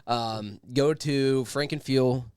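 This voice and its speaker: A man hosting a podcast with casual, sweary, rambling chat and sponsor reads, in an excitable manner. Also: mid-range voice, takes it slowly, clean tone. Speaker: podcast host.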